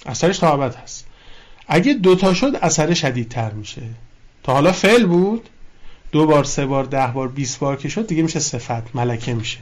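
A man teaching a classroom lesson on a philosophy text, reading Arabic lines and explaining them, stressing his points with repetition. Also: fairly high pitch. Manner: reads out Arabic lines, then explains them in colloquial Persian; animated, stressing key words with repetition. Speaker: religious teacher.

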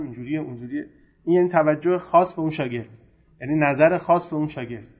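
A man giving a colloquial religious lecture, conversational and emphatic, swinging between loud and soft. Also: fairly high pitch. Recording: dull lo-fi recording.

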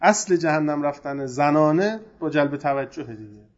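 A man's voice: a little high, lively intonation. Man lecturing on religion, dull lo-fi sound. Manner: conversational, emphatic, swings loud and soft. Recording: dull lo-fi recording.

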